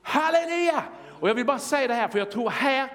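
A man with an extremely high-pitched, fairly bright voice preaches a sermon, recounting a testimony with fervent exclamations and calls of halleluja. The long reverb of a church hall hangs over the recording.

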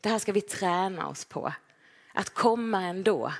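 A woman preaching a gentle, personal sermon in a church, now and then acting out short quoted lines. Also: mid-range voice, expressive, vocal fry. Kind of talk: conversational sermon. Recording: long hall reverb.

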